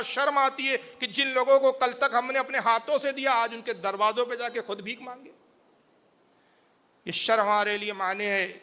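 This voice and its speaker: Old noblewoman in poverty, proud and grieving, put on by a male preacher; pleading, high, forceful. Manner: pleading, impassioned. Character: grief-stricken elderly noblewoman, proud and poor.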